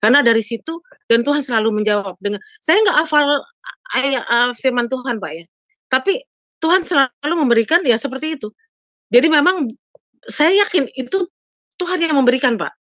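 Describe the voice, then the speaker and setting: A woman's voice: high voice, lively intonation, brisk, pauses often, a bit bright, no echo. Chatty older woman, dry close sound. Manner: chatty, keeps adding "Pak, ya". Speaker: caller asking a pastor. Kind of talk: casual storytelling.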